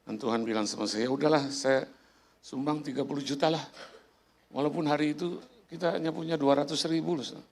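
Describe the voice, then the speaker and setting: A middle-aged male pastor with a gravelly edge to his fairly high voice. He tells a story from the pulpit in a casual, chatty way, acting out everyone's voices and turning aside to the congregation. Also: fairly even intonation, a little fast, darkish tone. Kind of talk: sermon storytelling. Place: church hall.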